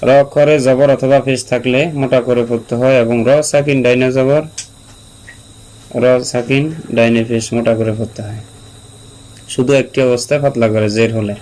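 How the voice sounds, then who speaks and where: A man teaching Quran reading, spelling out syllables slowly and repeating them patiently for learners. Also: mid-range voice, poor audio. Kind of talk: slow spelled-out recitation lesson. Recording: steady mains hum behind the voice.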